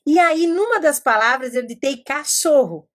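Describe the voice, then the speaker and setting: A middle-aged woman from Brazil teaching about literacy in a casual, explanatory way, slowly sounding out letters and telling classroom stories. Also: high-pitched, lively intonation. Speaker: educator teaching literacy methods. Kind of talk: informal teaching talk.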